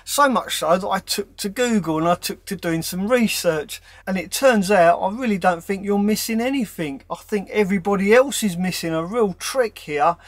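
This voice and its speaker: Upbeat high-voiced man vlogging. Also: moderate pace, hardly any pauses, no echo. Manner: upbeat and chatty. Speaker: van life vlogger. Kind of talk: casual question-and-answer vlog. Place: inside a camper van.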